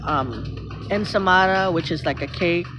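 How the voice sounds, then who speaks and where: A middle-aged Filipina with a Filipino accent chats casually on a live stream, rambling through stories and thanking viewers by name. Her voice sits fairly low and moves at a moderate pace. The stream audio is slightly muffled, with background music playing.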